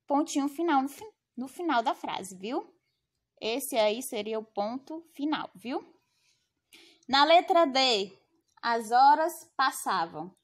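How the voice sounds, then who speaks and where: Brazilian woman teacher, slow and patient, a bit high-voiced, walks students through exercises. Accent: Brazilian Portuguese. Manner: patient, explaining step by step with frequent tag questions. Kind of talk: recorded grammar lesson.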